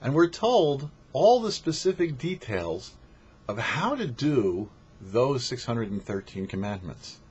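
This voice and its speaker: A male rabbi hosting a weekly Torah portion show delivers a short, explanatory sermon, emphatic and didactic, asking and answering rhetorical questions. He's animated, medium-pitched and husky, taking it slowly, on a dull lo-fi recording with faint noise.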